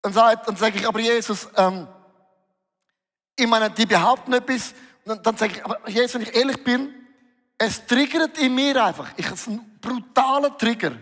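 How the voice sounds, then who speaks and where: Male preacher, emotive and animated, raised pitch, recorded in a reverberant hall. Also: normal speed. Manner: lively, emotional, acts out dialogues with Jesus. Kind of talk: sermon.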